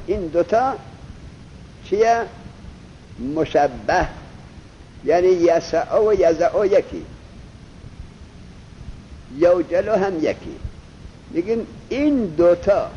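Male teacher, somewhat high voice, quizzes the class and answers himself, muffled lo-fi classroom recording. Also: dark tone, a little hiss or hum. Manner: explains step by step, asks students questions and answers them himself; reads Arabic passages slowly and deliberately. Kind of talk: classroom lesson on Arabic grammar.

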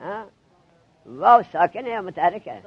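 A man teaching a classroom grammar lesson to seminary students, drilling them with quick questions. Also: high-pitched, very animated, husky, lo-fi sound.

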